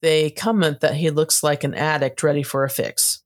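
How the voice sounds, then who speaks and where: A woman co-hosting a casual book review podcast, giving a steady, matter-of-fact plot recap. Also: deep voice, moderate pace. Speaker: podcast co-host.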